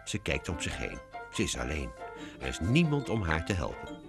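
A man narrating a cartoon story in an expressive storybook style, with music behind. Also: a bass voice, normal speed.

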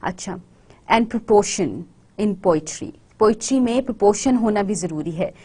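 A woman's voice: medium pitch, animated, a little mellow, breathy edge. A woman lecturer giving a recorded university lecture. She switches between Hindi-Urdu and English and often stops to check that the class follows. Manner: slow deliberate English phrases, quick runs in Hindi-Urdu.

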